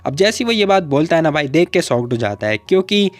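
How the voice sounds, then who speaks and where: A young man tells a comic's story in a loose, chatty recap, tossing in English words and calling his listener brother. His voice sits a bit high. The sound is dry and close, with no room echo. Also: sing-song, fast talker.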